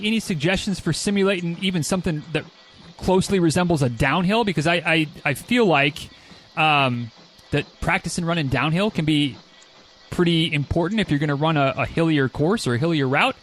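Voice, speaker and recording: A man with a fairly high voice hosts a podcast in a casual, conversational way. He rambles toward his questions, doubling back on words as he goes. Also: a bit bright, slight background noise. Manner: rambling, repeats words while forming questions. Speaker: podcast host, running coach.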